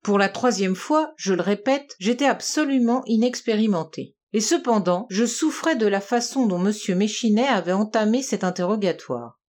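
A woman narrating a classic novel as an audiobook, measured and expressive. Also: mid-range voice.

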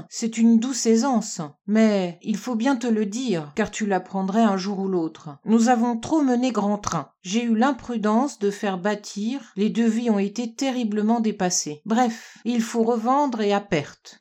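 A woman's voice: fairly high pitch, darkish tone. A woman narrator voicing a middle-aged male painter, a tender and reassuring father who hides his money troubles.

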